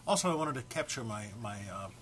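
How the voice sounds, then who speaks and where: Recording for an online post, an amateur reader casually sets up and reads comic text aloud with mock solemnity, barely holding back laughter. He talks fast in an expressive, mid-range, slightly bright voice, and there's a bit of hiss or hum.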